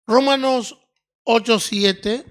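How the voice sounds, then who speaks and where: A woman with an Argentine accent preaching a sermon in a deliberate teaching tone, often checking in with her listeners. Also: fairly high pitch. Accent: Argentine Spanish. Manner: deliberate, teaching tone with frequent questioning "mm?" tags.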